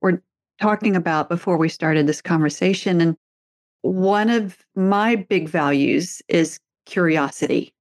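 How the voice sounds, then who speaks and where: A middle-aged woman who is a therapist, author and podcast host chats casually, telling stories and laughing easily. Her voice is lowish and a little slow, captured in a dry recording.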